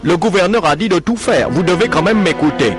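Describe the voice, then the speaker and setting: A man's voice: high voice, expressive, fairly quick, voice pushed up. A man voicing a fussy, anxious male restaurant owner who speaks in a placating, nervous way, with music behind.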